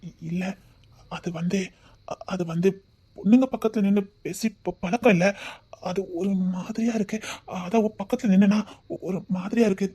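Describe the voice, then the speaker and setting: A shy, devoted young man, acted by a woman, speaks with a Tirunelveli accent in a husky, breathy voice. He stammers and hesitates, apologizing softly. It is web-series drama acting, tender and earnest. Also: mid-range voice, moderate pace, long pauses. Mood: shy, apologetic. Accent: Tirunelveli Tamil.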